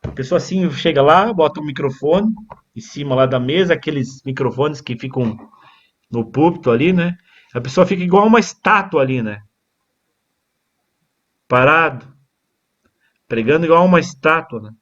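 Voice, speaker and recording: A man's voice: a little high, animated, normal speed, pauses often, fairly bright tone. A man teaching a church leadership class on preaching, reading from notes and then drifting into chatty asides to his brothers. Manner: reads from a text then digresses into chatty asides with "né, irmãos". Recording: dull lo-fi recording.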